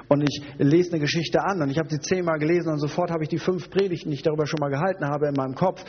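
A man's voice: on the high side, long reverb tail, highs cut off, slight background noise. A man preaching a sermon, conversational and sometimes sarcastically joking, reflective in tone. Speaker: pastor.

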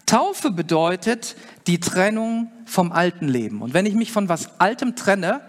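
A man's voice: sits high, sing-song, measured pace. A man preaching a sermon, earnestly explaining and putting questions to his listeners. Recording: long hall reverb.

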